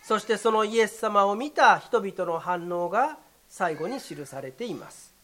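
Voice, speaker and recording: A pastor delivering a sermon in a measured, formal way, with occasional short fillers. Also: mid-range voice, lively intonation, fairly bright tone.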